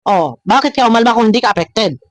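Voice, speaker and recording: Here a slightly high, expressive female voice talks fast on a dry recording. She's the host of a reaction video, confronting her critics directly in a rant packed with repetition and rhetorical questions.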